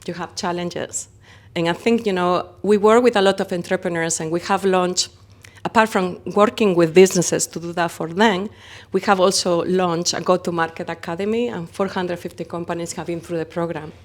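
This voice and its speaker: With a voice on the low side and a normal pace, this company founder from Spain speaks with a Spanish accent in a conference interview. She comes across as animated and expressive, using vivid comparisons.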